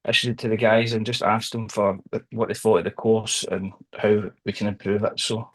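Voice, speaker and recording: A man's voice: fairly low pitch, flat delivery, brisk, low-quality recording. Hesitant Glaswegian man explaining. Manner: hesitant, many ums and restarts. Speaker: candidate in a training assessment interview. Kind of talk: conversational professional discussion.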